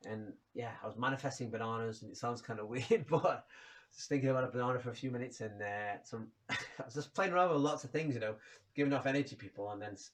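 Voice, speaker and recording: A man rambling frankly and casually about his low mood, swearing freely. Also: fast talker, distant mic. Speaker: vlogger. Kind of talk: casual personal rant to camera.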